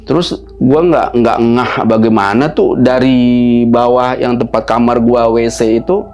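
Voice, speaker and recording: A man, telling a story as a guest in a halting, repetitive way that sometimes sinks to a hushed whisper. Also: medium pitch, fairly even intonation, muffled recording. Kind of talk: casual storytelling.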